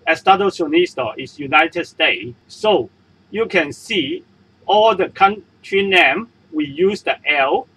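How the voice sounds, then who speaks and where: A man with a Hong Kong accent, a native Cantonese speaker, teaching a beginner Spanish lesson in English over slides, slowly repeating each example and its translation. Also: a little high, pushed and bright, slightly rough, rough recording. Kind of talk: slow explanatory lesson narration. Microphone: voice-over for screen-recorded slides.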